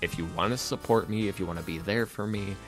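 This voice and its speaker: A man appears as a podcast guest, an ASMR roleplay creator giving casual, opinionated interview talk. He's emphatic and rambling, using slangy phrasing and acting out quotes, in a lowish voice that moves fast over faint background music.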